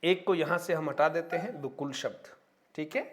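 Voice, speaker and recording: At normal speed and with a somewhat high, slightly bright voice, a man teaches exam-prep Hindi grammar. Addressing his viewers as friends and using frequent tag questions, he reels off synonyms and stops to flag new words and their spellings.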